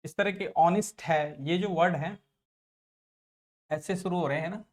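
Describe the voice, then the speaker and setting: A man with a Rajasthani accent teaching an English lesson, slowly repeating words and drawing out their pronunciation. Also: sits high, steady tone. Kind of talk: classroom lesson.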